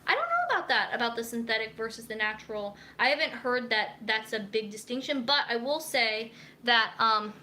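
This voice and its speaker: Young female dietitian, home kitchen livestream, slightly high, crisp, bright voice, conversational and rambling. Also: big pitch swings, fairly quick, few pauses, a little hiss or hum. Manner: chatty, reads viewer comments aloud while cooking. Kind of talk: live cooking stream chat.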